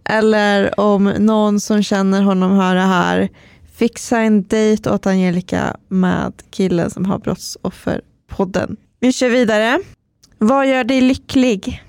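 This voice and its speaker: A woman's voice: mid-range voice, steady tone, creaky, darkish tone, clean tone, no room sound. A woman hosting a chat podcast, encouraging her guest and asking follow-up questions. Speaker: podcast host. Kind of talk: casual chat.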